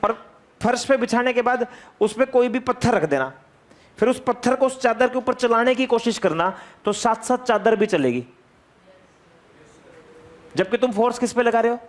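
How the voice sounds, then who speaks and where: A man's voice: very high voice, expressive, normal speed, pauses often. A man teaching physics to a class. He repeats key phrases, keeps asking his students questions and calls on them by name. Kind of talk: energetic classroom lecture.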